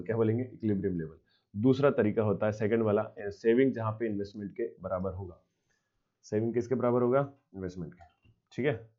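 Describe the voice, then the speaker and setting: A man teaching an economics lesson in a casual classroom style. He asks the class questions and then answers them himself. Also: lowish voice. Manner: conversational, asks and answers his own questions. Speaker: commerce teacher. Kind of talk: informal classroom lecture. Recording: tinny phone-like sound.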